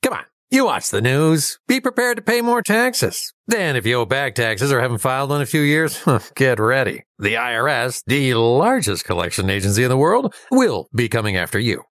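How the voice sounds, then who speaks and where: A man's voice: medium pitch, sing-song, normal speed, hardly any pauses, a bit bright, dry recording, clean studio sound. A man doing a conversational direct-response radio ad read in a wry, folksy manner. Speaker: radio ad pitchman.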